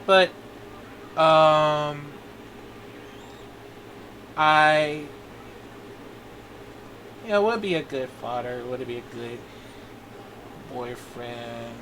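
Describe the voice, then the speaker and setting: A man in his twenties talking in a personal video diary, halting and rambling with many restarts. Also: on the high side, fairly even intonation, fairly bright tone, a little hiss or hum, rough recording. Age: 20s. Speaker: vlogger.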